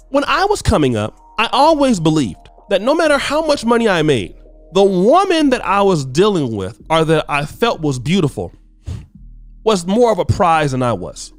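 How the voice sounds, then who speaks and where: Smug sarcastic guy doing opinionated gossip commentary, really animated, dry close sound with music behind. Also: sits high, no room sound. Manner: often adds tag questions like right and okay. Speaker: online commentary host.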